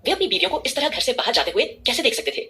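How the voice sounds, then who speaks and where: Woman narrator, audio drama story, quick pace, lively pitch. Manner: expressive, fast-paced reading.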